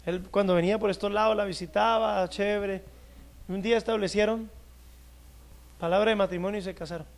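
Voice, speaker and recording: A male pastor preaching a sermon, emphatic, stretching key words and swinging between loud and soft. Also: sits high, fairly even intonation, a little fast, pauses often.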